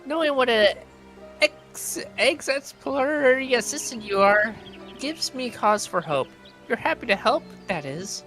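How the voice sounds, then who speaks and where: A woman's voice: on the high side, animated, measured pace, fairly bright tone, soft background music. A woman voicing an earnest, hopeful festival helper in a video game, reading carefully and formally. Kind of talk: reading game dialogue aloud.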